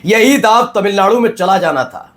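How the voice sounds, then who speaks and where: A man's voice: high voice, lively intonation, normal speed, a bit bright. A man hosting a news channel, delivering a sarcastic, emphatic political commentary monologue.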